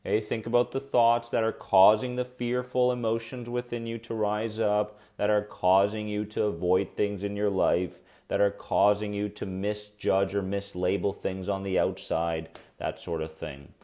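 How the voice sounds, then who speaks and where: A man with a fairly low, mellow voice hosts a live coaching stream about anxiety, speaking at a normal pace with flat delivery and hardly any pauses. Chatty, encouraging and soothing, he addresses his viewers directly and responds to their comments.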